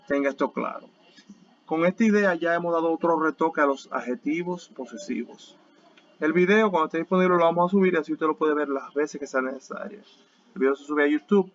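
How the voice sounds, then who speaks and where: Man teaching with slow, repeated phrasing. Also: medium pitch, a bit bright, dull audio. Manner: explains step by step, repeats words slowly for students. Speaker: English teacher. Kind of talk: online class lecture.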